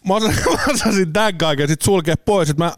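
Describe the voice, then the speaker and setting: Tell it as a man hosting a casual talk show, animated and full of impressions, with a slightly sore throat. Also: sits high, clean studio sound. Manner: animated, mimics voices and echoes in his stories. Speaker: podcast host. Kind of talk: casual chat, storytelling. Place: studio.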